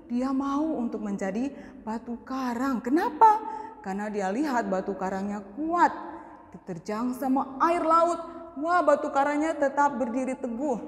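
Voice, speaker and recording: A woman telling a moral story to schoolchildren in a school chapel, animated and speaking directly to the kids, her voice echoing in the hall. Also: high-pitched, moderate pace. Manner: animated storyteller addressing children. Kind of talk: children's chapel story and sermon.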